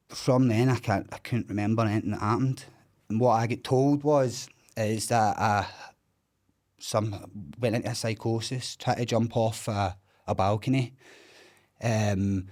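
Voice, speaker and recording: With a fairly low pitch, a thirty-something man from Scotland speaks bluntly and candidly about his own life in a casual interview. He describes himself as a loudmouth, and the swearing is plentiful.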